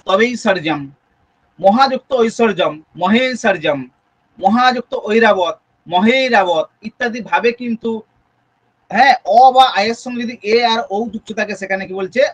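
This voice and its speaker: A man with a Bengali accent teaching a Sanskrit grammar lesson, explaining step by step and checking in with students through frequent questions. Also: high voice. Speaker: Sanskrit tutor. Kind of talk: exam-prep grammar lesson.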